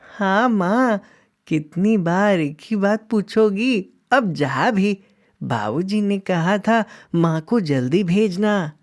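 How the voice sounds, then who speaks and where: A man voicing an eager, remorseful young village boy in a cartoon, talking high and excitedly. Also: takes it slowly. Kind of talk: cartoon voice acting.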